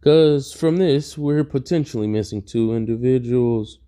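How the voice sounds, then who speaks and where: Man voicing a smug alien tyrant, high and slow, menacing. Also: mellow, smooth, natural voice. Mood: condescending. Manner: slow, drawn-out threats.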